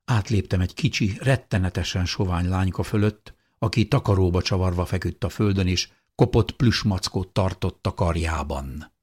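A man narrating an audiobook in a calm, measured storytelling manner. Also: low voice, slightly rough. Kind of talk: scripted narration.

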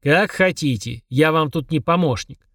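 A man's voice: on the high side, moderate pace, fairly bright tone, no echo, studio quality. A man voicing a grumpy sarcastic demon. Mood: snapping. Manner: grumbling, sneering, snapping. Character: grumpy sarcastic male demon, small and spiteful.

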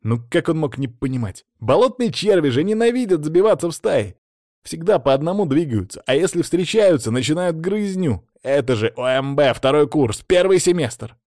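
A man's voice: fairly high pitch, moderate pace, dry recording, clean studio sound, voice pushed up. A man voicing a brash, cocky young male mage student who bosses his partner around in an audiobook. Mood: exasperated. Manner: bossy, scolding, excitable. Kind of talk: audiobook character voice.

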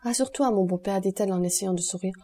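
A feverish, frightened young woman speaks in a rush and tries to sound carefree, as a woman reading an audiobook puts her on. The tone stays dark and mellow with a husky grain. It comes across as a storybook figure. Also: medium pitch, natural voice. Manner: breathless, quick, forced lightness.

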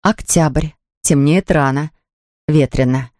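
Woman narrator, steady storybook reading, lower voice, dead-dry booth. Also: slow, dry recording. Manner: steady, descriptive.

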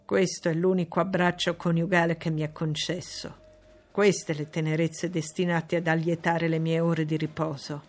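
A woman's voice: deep voice, flat delivery, moderate pace, faint music behind, close to an everyday voice. A woman reading aloud and voicing a grim, bitter man, the master of the house.

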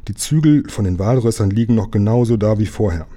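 An eager, curious young boy from a storybook, as a man reading aloud puts him on, asking questions with keen interest. The reader's own low, dark, husky voice stays under the boy's lines. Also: animated, a little fast.

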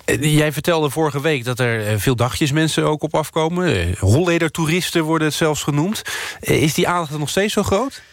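A man's voice: a little high, animated, fairly quick, dry recording, clean studio sound. A male radio news presenter introducing a story and questioning a reporter in a conversational way, sometimes stumbling over his words.

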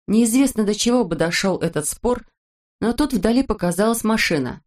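A woman narrating a children's storybook chapter in a measured, expressive way. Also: mid-range voice. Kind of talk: storybook reading.

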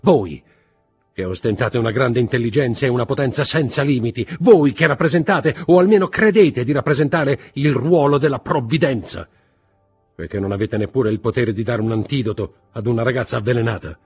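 A man voicing a desperate, furious young man who shouts reproachful outbursts, with a husky voice. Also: fairly low pitch, huge pitch swings, moderate pace, faint music behind, heavily acted.

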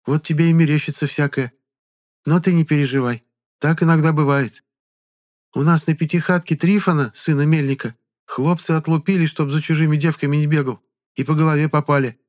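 A man's voice: a little high, fairly even intonation, brisk, darkish tone, pitched above the performer's own voice, lightly acted. Man doing a chatty old village widow. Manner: sing-song folksy chatter, affectionate. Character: fussy elderly village widow, chatty and sly.

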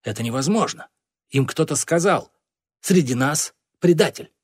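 A stern, scheming boy gang leader, as a man reads him aloud in a storybook, barking accusations and threats. The voice is husky, and the pitch jumps about freely. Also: expressive, normal speed, darkish tone, dry recording, studio quality. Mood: furious. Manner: commanding, accusing.

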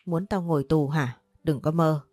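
A woman's voice: deep voice, moderate pace, warm tone, no room sound. A woman voicing a spiteful, cruel young aunt who talks in harsh, contemptuous threats in an audio story. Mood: sneering threats.

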